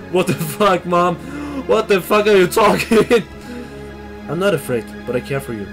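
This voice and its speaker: A let's play host, young, male and Austrian, comments on his game over a headset in a small room at a computer while music plays in the background. His fairly high voice is energetic and reactive, quick to swear and laugh, and he excitably reads the game's text aloud.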